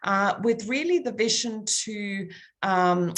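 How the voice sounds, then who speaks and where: A woman with a Danish accent giving a formal conference presentation, pausing often with ums and uhs as she works through numbered points. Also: mid-range voice, a bit bright. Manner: halting, many ums and uhs, lists points. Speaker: conference speaker.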